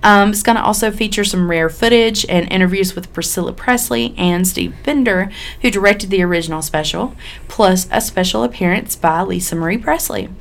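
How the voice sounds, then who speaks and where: A woman's voice: mid-range voice, normal speed, creaky. Chatty woman podcaster with a slight cold. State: has a cold, slightly sick-sounding. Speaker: podcast host. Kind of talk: casual, chatty podcast hosting.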